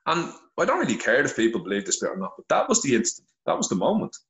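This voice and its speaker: A man's voice: mid-range voice, wildly swooping pitch, fast talker, fairly bright tone, roomy sound, rough recording. A middle-aged Irish man with a blunt, earnest manner and heavy swearing, telling his story as a podcast guest over a phone. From Ireland. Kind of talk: candid conversational storytelling. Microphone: phone held to face.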